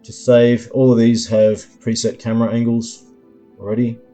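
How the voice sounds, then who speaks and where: A man demonstrating his own app in a screen-recording tutorial, explaining each control in an unhurried way, with lots of ums and uhs as he thinks aloud. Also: mid-range voice, completely flat delivery, warm tone, faint music behind. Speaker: developer demoing his app.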